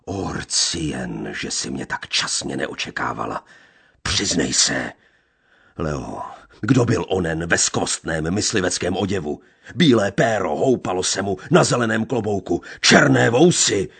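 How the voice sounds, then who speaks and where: A man voicing a wild, jealous young Romani man who shouts fierce accusations. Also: very deep voice, expressive, creaky, husky, voice pushed down, exaggerated voice. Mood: furious. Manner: loud, fierce accusing outbursts.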